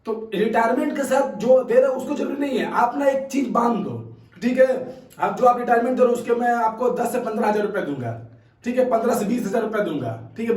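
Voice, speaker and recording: A man with an extremely high-pitched, darkish voice talks casually to viewers about his opinions; he runs a fitness academy and hosts the channel. He's emphatic, repeats his points, and keeps checking in with a questioning "haan?". The room echoes and he sounds distant, set back from the mic.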